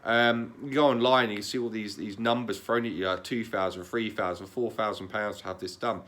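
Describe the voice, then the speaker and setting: A man talking in a casual, candid vlog, calm and matter-of-fact, often repeating words and restarting sentences. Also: on the low side, moderate pace. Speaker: vlogger.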